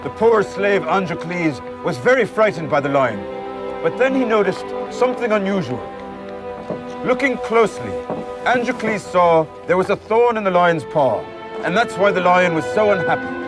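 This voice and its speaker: A man's voice: high-pitched, expressive, moderate pace. Kindly showman, music behind. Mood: showy. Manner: kindly, chatting to animals as companions. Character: gentle travelling showman devoted to his performing animals. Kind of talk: film drama dialogue.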